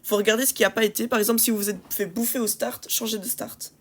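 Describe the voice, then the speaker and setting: Talking fast in a slightly high, steady voice, a woman narrates her match replays for a gaming video. She sounds exasperated at her teammates, hammering points home by repeating herself and asking rhetorical questions.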